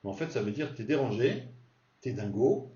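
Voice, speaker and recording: A man teaching a casual beginner's language lesson, slowly repeating example words and explaining them patiently. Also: medium pitch, lively intonation, warm tone. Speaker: Spanish teacher. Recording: distant echoey dull recording.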